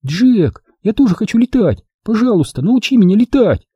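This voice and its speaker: A man voicing an eager young girl who pleads and cheers in a high, excited voice. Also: brisk, slightly rough, no room sound, lo-fi sound, full character voice.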